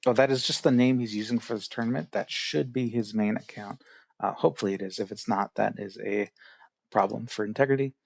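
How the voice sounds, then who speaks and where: Gravelly-voiced man explaining a game. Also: lowish voice, a little fast, no echo. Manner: explanatory, many "uh" fillers. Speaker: tournament organizer and caster. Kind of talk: casual game commentary.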